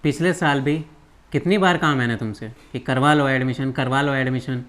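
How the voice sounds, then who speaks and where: A man's voice: medium pitch, moderate pace, a bit bright, natural voice. An actor playing a young husband who bitterly reproaches his wife, in a drama. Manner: bitter, reproachful, pleading questions. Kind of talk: emotional drama acting.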